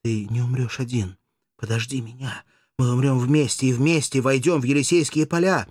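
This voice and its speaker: A man's voice: fairly even intonation, normal speed, a little mellow, breathy edge, dry recording, studio quality, natural voice. A man voicing Mirdza, a desperate young woman in a storybook. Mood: passionate pleading. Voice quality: strained falsetto, pleading. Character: young woman, desperate, grieving, passionate lover.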